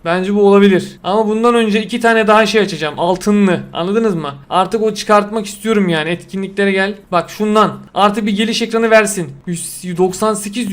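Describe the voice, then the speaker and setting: A young man giving casual commentary while opening packs in a mobile football game, cheering and groaning at the results. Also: sits high.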